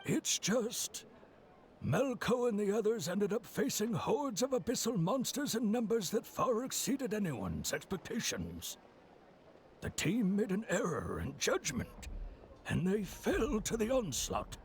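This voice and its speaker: A gravelly old villager storyteller. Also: male voice, high-pitched, wildly swooping pitch, slight background noise, exaggerated voice. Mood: somber recounting. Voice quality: gravelly, creaky. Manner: measured, solemn recounting. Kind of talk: video game voice acting. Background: game music.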